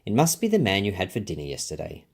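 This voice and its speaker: A man's voice: low voice, wildly swooping pitch, fast talker, vocal fry, a little mellow, slightly rough, exaggerated voice. A man voicing a kindly, no-nonsense giantess with emphatic delivery, reading a children's storybook. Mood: dismissive. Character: kindly giantess, huge motherly woman, protective, no-nonsense.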